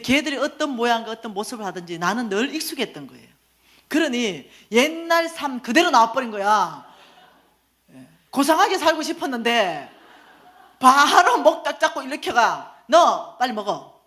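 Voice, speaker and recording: A woman, a church lecturer telling stories in an animated sermon. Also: high voice, normal speed. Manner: animated, acts out quoted voices. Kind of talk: lively storytelling sermon lecture.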